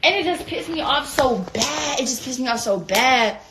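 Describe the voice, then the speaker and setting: A young woman from Atlanta, speaking with its accent, rants through a casual storytime. She curses freely and voices both people in the argument herself, her voice sitting a little high. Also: normal speed, background noise. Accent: Atlanta Southern American. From Atlanta, USA. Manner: animated, profane, acts out both sides of the argument. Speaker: vlogger.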